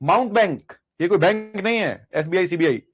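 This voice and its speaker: A man's voice: sits high, animated, normal speed, slightly rough. A man teaching an exam vocabulary lesson, drilling word lists by repetition and asking and answering his own questions. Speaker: English teacher.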